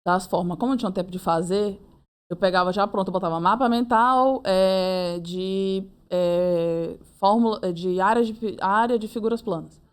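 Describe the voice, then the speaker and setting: This is a young woman being interviewed. She tells her story in a casual, lively way. She keeps slipping into acted-out quotes of her own and other people's words. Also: medium pitch, smooth. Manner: animated, acts out her own and others' lines in quick reported speech. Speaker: interviewee, approved medical student.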